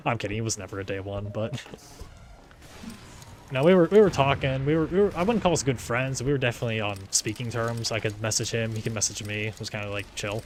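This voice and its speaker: A man's voice: medium pitch, fast, a little hiss or hum. A man in his twenties chatting casually during an online game, rambling with lots of "like"s and restarts and chuckling often. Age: 20s. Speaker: gaming YouTuber. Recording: game gunfire behind the voice. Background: game gunfire and explosions.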